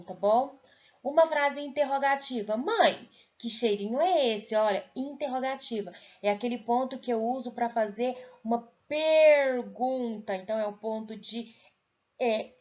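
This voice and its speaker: A woman's voice: a little high, darkish tone. Patient Brazilian woman teacher, lo-fi. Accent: Brazilian Portuguese. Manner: patient, checks in often with "tá?". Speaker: schoolteacher. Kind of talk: recorded lesson correcting homework. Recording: dull lo-fi audio.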